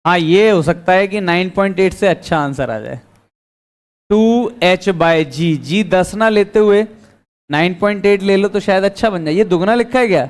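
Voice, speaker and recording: A man's voice: sits high, normal speed. A man teaching physics in a classroom, asking the students questions and answering them himself. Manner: quizzing students, answering his own questions. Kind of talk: classroom lecture.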